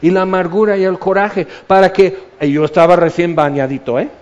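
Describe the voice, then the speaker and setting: Mexican pastor preaching, lo-fi sound. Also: male voice, high-pitched, brisk. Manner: animated, conversational preaching that slips into acted-out voices. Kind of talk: sermon. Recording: dull lo-fi sound.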